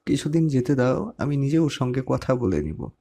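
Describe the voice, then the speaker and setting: A man's voice: mid-range voice, animated, normal speed, mellow. A man voices a young son in an audio drama, hunting for his lost diary and then hesitant when marriage comes up. His voice sits in an ordinary middle range. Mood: earnest. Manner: agitated, then bashful and hesitant. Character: young man searching frantically, shy suitor. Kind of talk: Bengali audio drama acting.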